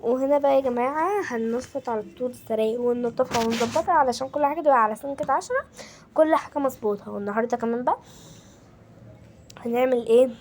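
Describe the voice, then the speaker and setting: A woman's voice: high-pitched, fast talker, a little mellow, a little hiss or hum. A woman with an Egyptian Arabic accent narrating a casual home-cleaning vlog, chatting straight to her viewers as a group. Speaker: home vlogger.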